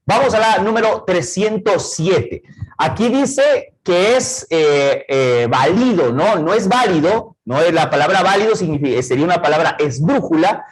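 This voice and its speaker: A man's voice: high voice, lively intonation, normal speed, husky, low-quality recording. A middle-aged man with an Ecuadorian accent teaching a verbal reasoning lesson, explaining words step by step and checking in with rhetorical questions. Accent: Ecuadorian Spanish.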